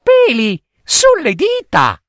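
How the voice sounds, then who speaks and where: A cheeky little princess from a storybook, bold and teasing, acted by a man. Her voice sits very high and bounces in a sing-song chant. Every phrase is slow and drawn out. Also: huge pitch swings, fairly bright tone, dry recording, clean studio sound, exaggerated voice.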